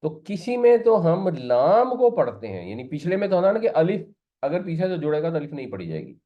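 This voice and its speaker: A man's voice: a little high, sing-song. A man teaching a lesson on Arabic grammar, explaining step by step and slipping English words into his talk. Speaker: Quran teacher. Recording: slightly muffled lo-fi recording.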